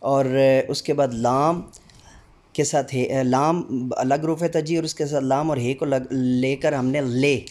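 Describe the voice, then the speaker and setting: A middle-aged man teaching a lesson on the alphabet, stopping often with fillers and then calling out letters one by one in a drawn-out way. His pitch sits in the middle of the male range. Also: fairly even intonation, a little mellow. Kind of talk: teaching the Urdu alphabet aloud.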